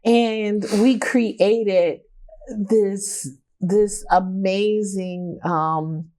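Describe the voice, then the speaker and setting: A woman in her fifties chats as a guest in a relaxed interview. She muses aloud and circles back over her own phrases. She breaks into laughter often, at an ordinary mid pitch. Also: extremely slow. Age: 50s. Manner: laughing, reflective, repeats phrases while thinking. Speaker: guest artist. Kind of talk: casual interview chat.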